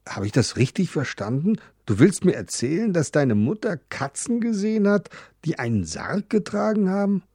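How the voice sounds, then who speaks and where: An actor playing Klaus, a first-person narrator in an audio story, animated and husky. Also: male voice, a little high, normal speed, few pauses, dry recording, studio quality. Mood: doubtful.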